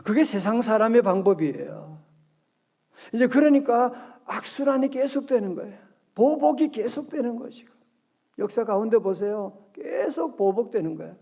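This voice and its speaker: High-pitched guy preaching at a dawn prayer service, warm mellow sound, keeps asking the crowd stuff, reads verses slow. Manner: lively and conversational, prods the congregation with questions; reads scripture aloud slowly. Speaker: pastor. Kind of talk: early-morning prayer sermon.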